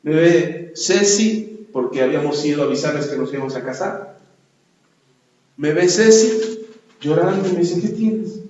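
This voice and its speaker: A man's voice: fairly high pitch, lively intonation, moderate pace, long pauses, darkish tone. A man preaching a sermon and telling his own testimony, emphatic and calling out to the congregation. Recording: echoey, dull hall sound from far off.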